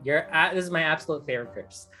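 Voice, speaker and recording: Low-voiced woman dm rambling thru the rules, lots of uhs, faint music behind. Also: quick pace, bright, forceful tone. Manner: rambling, playful, with many fillers. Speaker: dungeon master. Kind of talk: running a tabletop game.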